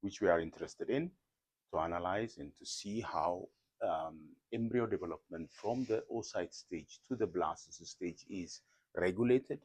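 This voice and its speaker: A middle-aged man from Ethiopia, a professor explaining embryo research in an interview, careful and halting with many fillers and repeated words. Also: deep voice, darkish tone, husky.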